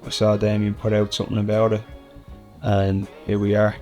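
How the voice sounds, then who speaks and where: A man's voice: lowish voice, completely flat delivery, normal speed, a little mellow, soft background music. A man speaking earnestly in a documentary interview.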